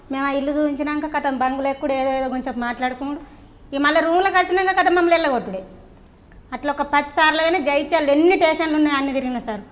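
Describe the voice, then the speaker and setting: A woman's voice: high-pitched, fairly bright tone. A woman with a Telangana accent giving an earnest, pleading account in an interview, often addressing the interviewer as sir. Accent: Telangana Telugu. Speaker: crime victim's wife interviewed. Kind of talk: emotional first-person account.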